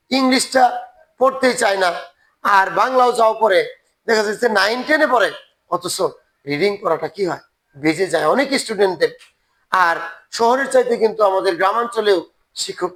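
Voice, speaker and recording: Man, high voice, earnest teacher, exhorting students, video grammar lesson. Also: normal speed, pauses often, a bit bright, poor audio. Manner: earnest, exhorting students, repeats words for emphasis. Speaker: English teacher.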